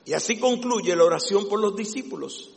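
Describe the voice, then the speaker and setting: A man's voice: sits high, animated, normal speed, gravelly. A man preaching a sermon with fervent, emphatic delivery. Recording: long echo of a large hall.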